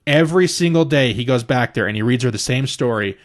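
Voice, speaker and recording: A man co-hosting a podcast in loose, casual chat. He talks in an animated, profane way and jumps into a raised voice whenever he acts out what someone said. His pitch sits in a middle range for a man. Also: fairly quick. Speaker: podcast co-host.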